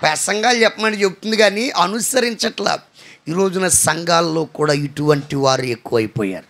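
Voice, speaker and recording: Gravelly, bright-voiced animated preacher man. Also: fairly high pitch, moderate pace. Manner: animated storytelling with shouted emphasis; asks the congregation to respond. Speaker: pastor. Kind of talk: sermon.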